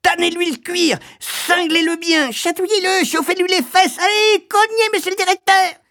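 A woman's voice: steady tone, moderate pace, no echo, studio quality. A man reading a storybook and voicing a spiteful old woman who screeches gleefully, urging on a punishment. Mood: gleeful shrieking. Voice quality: shrill, screeching. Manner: gleeful, shouting.

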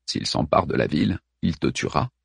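Guy reading a worried man talking low and hushed, husky, storybook. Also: lively intonation, slow, dry recording, heavily acted.

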